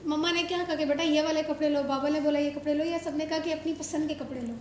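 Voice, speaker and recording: A woman's voice: sits high, steady tone, fast, a little hiss or hum. A woman from Pakistan hosting a show, chatting with children in a playful, coaxing way and teasing them with questions. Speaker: show host interviewing children. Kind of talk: casual chat with children. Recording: roomy echo.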